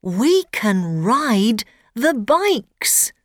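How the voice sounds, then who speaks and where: A woman voicing an excited young boy in a storybook read for learners. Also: a little high, drawn-out words, no room sound, studio quality, pitched above the performer's own voice, heavily acted. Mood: friendly. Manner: excited and exclaiming.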